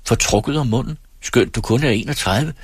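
A man voicing a teasing, restless young married woman in a read-aloud story, in a lightly mocking, quick manner. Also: medium pitch, slightly rough, no room sound, voice pushed up.

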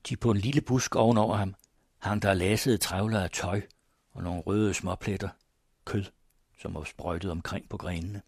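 A man reads a story aloud in a measured, even voice. His tone is lowish and husky. It is recorded close and dry. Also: no room sound. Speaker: audiobook narrator. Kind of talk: scripted narration.

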